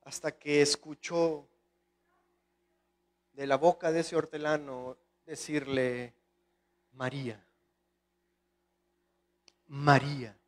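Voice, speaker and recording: Slow and fairly even in intonation, with long pauses, this guest pastor's voice has a fairly high pitch. He speaks with a Salvadoran Spanish accent and preaches a sermon with impassioned delivery, frequently calling out to the congregation.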